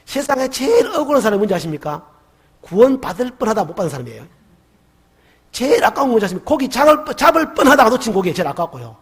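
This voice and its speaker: Husky high-voiced Gyeongsang pastor preaching. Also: male voice, rapid-fire. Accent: Gyeongsang dialect. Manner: animated storytelling with questions to the congregation. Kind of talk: Sunday sermon. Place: church sanctuary.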